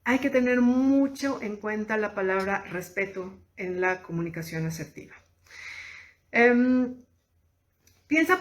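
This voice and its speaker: Woman teaching in a chatty way. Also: mid-range voice. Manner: conversational, addresses listeners directly with questions. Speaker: thanatologist and therapist. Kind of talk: informal teaching talk to camera.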